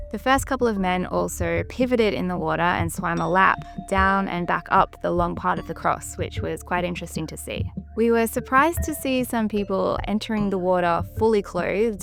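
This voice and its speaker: A woman giving scripted travel narration in a measured, descriptive storytelling manner. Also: mid-range voice, gravelly. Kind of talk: scripted documentary-style narration.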